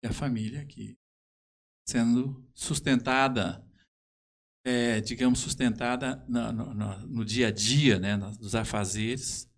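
A man with a southern Brazilian accent, a musician guest in a conversational interview, telling anecdotes in a halting, emphatic way. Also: medium pitch, steady tone.

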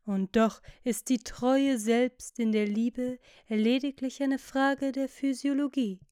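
A woman voicing a witty, cynical aristocratic gentleman who talks in ironic, lecturing tones. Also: high voice, fairly even intonation, slow, clean tone, no room sound, studio quality.

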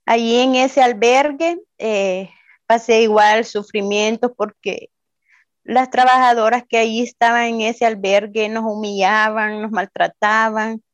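A woman from El Salvador with a Salvadoran accent, giving a slow, hesitant personal testimony as a migrant, with many fillers. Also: a little high, fairly even intonation, dry recording, muffled recording. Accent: Salvadoran Spanish. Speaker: interviewee, migrant. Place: Ciudad Juárez.

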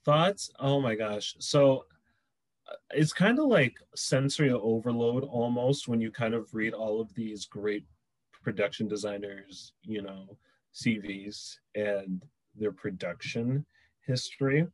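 A young man co-hosting a casual chat show, reading out nominees and reacting with loud cheers. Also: lowish voice, measured pace, low-quality recording. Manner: excitable, cheers and whoops loudly. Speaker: podcast co-host.

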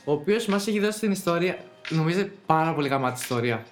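A man's voice: on the high side, expressive, faint music behind. A man co-hosting a podcast, playfully telling a story and building it up step by step. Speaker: podcast co-host. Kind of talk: casual chat.

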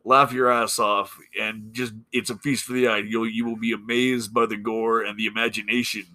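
A man's voice: lowish voice, little pitch movement, normal speed, pushed and bright. A man co-hosting a horror movie podcast, talking casually with blunt, profane opinions. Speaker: podcast co-host. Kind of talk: casual chat.

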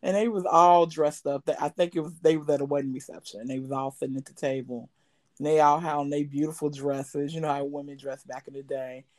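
A woman's voice: sits low, fairly even intonation, a little fast, a little mellow. An older woman chatting as a podcast guest, blunt, salty and opinionated in her way of talking. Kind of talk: casual chat.

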